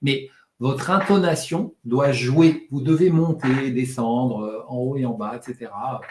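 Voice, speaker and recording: A man teaching public speaking in a live online session, full of demonstrations where he exaggerates loud, rushed or flat delivery, and who tends to talk fast and swallow his words. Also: medium pitch, reverberant, a little hiss or hum.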